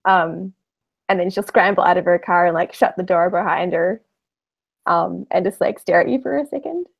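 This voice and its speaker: A woman playing a tabletop roleplaying game, narrating casually and haltingly as she thinks aloud. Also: fairly low pitch, gravelly, husky.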